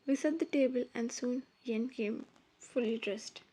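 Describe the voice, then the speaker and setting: A woman narrating fan fiction aloud in a soft, even storytelling manner. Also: on the high side, unhurried, slight background noise.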